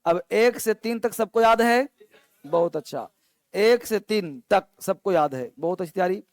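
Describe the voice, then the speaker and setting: A male teacher drilling a class on vocabulary, saying each word slowly and then giving its meaning, and calling students up to answer. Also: high-pitched, lively intonation, no room sound, soft background music. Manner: quizzes students, calling on them to stand. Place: classroom with an online stream.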